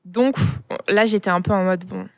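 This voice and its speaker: A young woman from France telling her story as a guest in a casual, animated interview chat. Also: mid-range voice, gravelly, no echo, clean studio sound, soft background music. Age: young adult. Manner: animated storytelling, quick and chatty.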